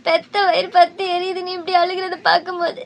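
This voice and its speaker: A woman's voice: very high-pitched, little pitch movement, normal speed, fairly bright tone. A woman voicing a worried, devout mother in a cartoon, speaking in a pleading, emotional way. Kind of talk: cartoon dubbing.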